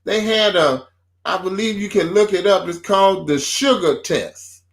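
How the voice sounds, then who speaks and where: A man with a high voice talks about faith in a relaxed, preaching way. He speaks slowly and circles back to his points with phrases like "see" and "so remember." He sounds like a co-host on a homespun talk show. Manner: informal, builds points slowly with repeated phrases.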